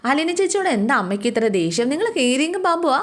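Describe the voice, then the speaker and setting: A woman's voice: high-pitched, sing-song, fast talker, voice pushed up. A woman putting on an eager pleading schoolgirl.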